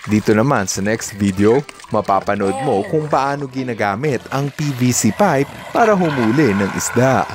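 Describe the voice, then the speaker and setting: A man's voice: medium pitch, animated, moderate pace, noisy background. A man, hosting and narrating scripted voice-over, upbeat and mixing English asides into his commentary. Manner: upbeat, with Taglish asides and reactions. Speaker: host.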